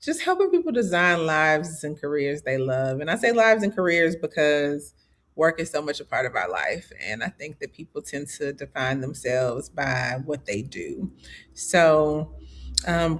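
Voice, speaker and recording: A woman executive coach talking in an easygoing, slangy, chatty way. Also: sits low. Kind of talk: casual conversational podcast.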